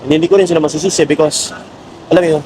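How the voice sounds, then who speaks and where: This travel vlogger speaks very fast in a fairly high, slightly mellow voice with fairly even intonation and a Filipino accent. Walking an outdoor city street at night, he chats casually, blends English with Tagalog, and keeps calling his viewers "guys." Street and traffic noise make the recording noisy.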